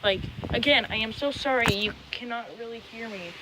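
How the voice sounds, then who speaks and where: An amateur video blogger with a very high voice rambles casually at a normal speed, recording outdoors at night in strong wind. He apologizes to viewers and repeats himself, while loud gusts create very heavy wind noise.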